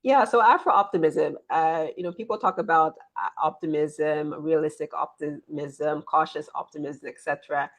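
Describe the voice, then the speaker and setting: A woman's voice: low-pitched, normal speed, few pauses. A woman in her forties, born in Nigeria and raised in the US, talking earnestly as an interview guest and often repeating words. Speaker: guest, business consultant. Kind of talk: interview conversation.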